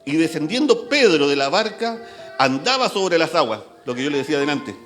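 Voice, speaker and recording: High, lively-voiced male preacher. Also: brisk, soft background music. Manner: animated, reads scripture aloud and jokes with the congregation. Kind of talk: sermon. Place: church.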